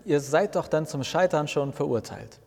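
A man voicing Jesus as a relaxed, cheerful housemate in a spoken story, talking in a calm, earnest tone. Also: on the high side, moderate pace, creaky, slightly rough, heavily acted. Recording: long reverb, roomy hall sound.

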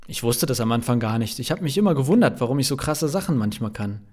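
A man voicing Jesus in a read-aloud novel, a calm, patient grown man who explains things gently and earnestly. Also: mid-range voice, fast talker, close to an everyday voice.

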